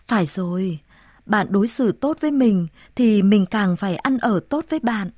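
A woman reading aloud and voicing a frail, dying mother who speaks in a weak, sighing hush. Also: medium pitch, animated, moderate pace, no room sound, clean studio sound, natural voice. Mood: tender.

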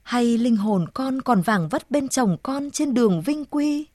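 A woman's voice: a little high, animated, a little slow, darkish tone, dry recording, clean studio sound. A woman voicing a sorrowful old grandmother, murmuring tenderly to her dead daughter in a storybook reading. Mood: grieving. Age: older.

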